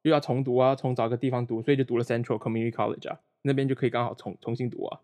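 A guest on a remote call, this former roommate is a young man from Malaysia with a steady, darkish, mid-range voice who speaks at a racing clip. His casual chat rambles, with frequent restarts and self-deprecating humor.

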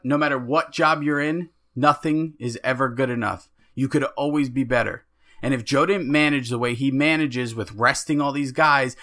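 A man's voice: medium pitch, a bit bright. A man in his late twenties co-hosting a casual sports podcast, ranting heatedly and with emphasis, recorded at a friend's home. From United States. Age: late 20s. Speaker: podcast co-host.

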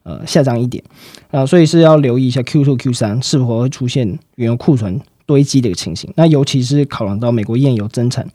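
In a financial commentary chat, a man walks through market analysis step by step at a brisk pace, his medium-pitched voice dark and a little husky. He uses frequent fillers and trailing particles, and the recording is dry, close-miked, and free of room sound.

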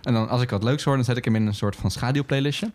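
A male podcast host who talks quickly in a mid-range voice. He chats loosely and laughs easily, keeping the conversation moving. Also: medium pitch, darkish tone. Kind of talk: casual chat.

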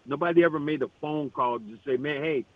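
A man in his sixties calls in to tell lively stories about his playing days. His voice sits fairly high and the delivery keeps tumbling forward with restarts. The sound is dry and squeezed into a tinny phone band. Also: fast, no echo. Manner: animated anecdotes, frequent restarts, laughing. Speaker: guest, retired basketball player and author. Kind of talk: storytelling in a radio interview.

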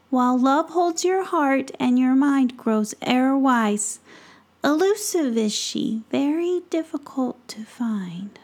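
A woman's voice: a little high, a little mellow, breathy edge, pitched above the performer's own voice, exaggerated voice. A woman voicing a shy, polite young boy gnome, hesitant and whispered.

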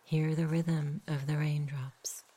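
A woman guides a sleep meditation in a low, breathy voice that often drops to a whisper. Her tone stays level, and she speaks each phrase softly, gently, and unhurriedly.

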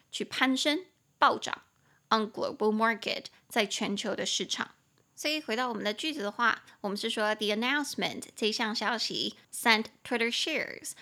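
Bright-voiced woman teaching English. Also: on the high side. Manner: chatty, explains words slowly and repeats them. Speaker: podcast host, English teacher. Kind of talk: casual podcast English lesson.

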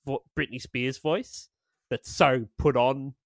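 A man's voice: medium pitch, fairly even intonation, slow pace, no echo, studio quality. A man co-hosting a podcast, chatting casually, swearing and laughing as he reads out comments. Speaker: podcast co-host. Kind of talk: casual banter.

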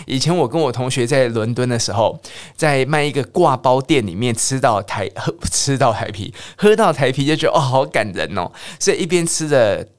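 A man with a Taiwanese Mandarin accent hosting a bilingual English lesson podcast, who repeats words and slows down to drill pronunciation. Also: mid-range voice, lively intonation. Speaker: English teacher and podcast host.

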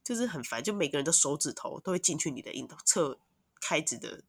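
A woman, a mother of two, telling long, animated stories as a podcast guest. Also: sits low, fast talker, gravelly, husky, no echo. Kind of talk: casual podcast chat.

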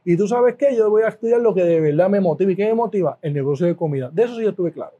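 A middle-aged man with a Puerto Rican accent, a food business owner telling stories as an interview guest, animated and repeating words for emphasis. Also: high voice, racing, muffled recording. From Puerto Rico. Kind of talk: casual interview storytelling.

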